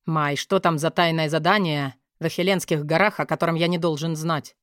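A woman's voice: deep voice, steady tone, a little fast, fairly bright tone, no echo, clean studio sound, voice pushed down. Woman reading as a weary stern young king.

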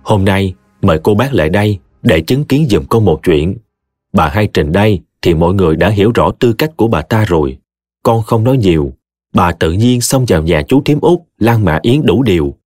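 Man voicing a calm, dignified eldest son. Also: fairly low pitch, no room sound, studio quality. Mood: measured firm. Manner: respectful, measured.

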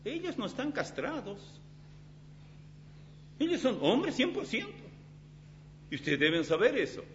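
A man preaching a sermon as pastor in a church, in an animated, dramatic way with vivid illustrations. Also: very high voice, a little slow. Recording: slightly dull recording with faint hum.

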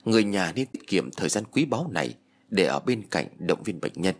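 Husky male storyteller, very expressive. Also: low-pitched, a little fast. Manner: expressive, emotional reading. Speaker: narrator. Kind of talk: storytelling narration. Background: faint music.

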